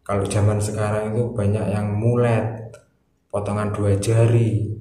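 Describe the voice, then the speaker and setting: A man's voice: fairly low pitch, little pitch movement, measured pace. A man giving job tips as a barber vlogger, talking straight to the viewer in a casual, instructive way. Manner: instructive, speaks to viewer directly. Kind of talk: casual advice vlog. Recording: echoey room with loud noise.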